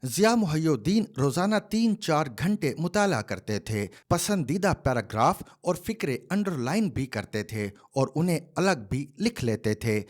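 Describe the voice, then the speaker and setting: Male narrator, column read-aloud, measured and expressive, higher voice, animated pitch. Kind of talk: scripted narration.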